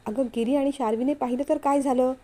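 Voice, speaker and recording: A woman reads out a young husband who teases and coaxes his shy wife. The voice stays high and mellow, with an easy storybook tone. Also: steady tone, fast. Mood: coaxing. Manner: teasing, coaxing. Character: affectionate playful young husband. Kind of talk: storytelling read-aloud.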